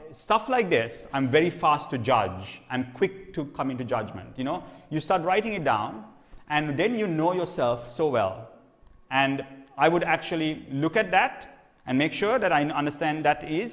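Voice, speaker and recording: A man's voice: on the high side, expressive, moderate pace, fairly bright tone. A man preaching in a conversational teaching style. He often asks "okay?" to check in and repeats or restarts phrases. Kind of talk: sermon teaching. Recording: long reverb hall.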